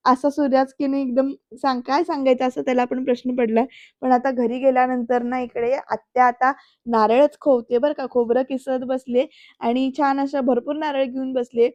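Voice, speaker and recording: Chatty high-voiced woman recapping a serial. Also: level tone, moderate pace, a little mellow, no room sound. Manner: chatty, addresses viewers directly. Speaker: serial episode reviewer. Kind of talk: casual recap narration. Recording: dull lo-fi, dry room.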